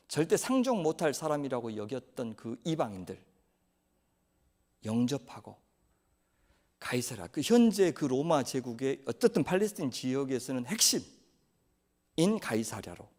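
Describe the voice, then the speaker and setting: A male pastor preaching a sermon, keeping the congregation engaged by throwing questions at them. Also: medium pitch. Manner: animated, quizzes the congregation with questions.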